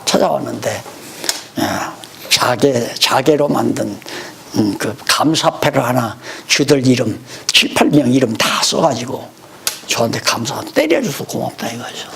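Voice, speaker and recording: A man's voice: mid-range voice, lively intonation, a little slow, gravelly, a bit bright, slight background noise. A man teaching a Bible study lecture, explaining verses and then telling stories from his own life.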